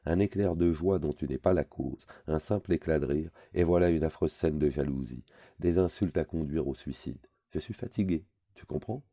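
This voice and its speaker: A man's voice: rumbling low, normal speed, gravelly, warm tone, no room sound, clean studio sound, heavily acted. A man reading a novel aloud, voicing an aging drunk man who rants with weary, insulting words.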